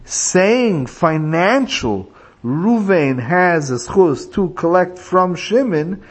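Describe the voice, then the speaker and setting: A man's voice: high voice, animated, slow. A man teaching a religious lecture, explaining points through illustrative stories. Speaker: rabbi teaching a class.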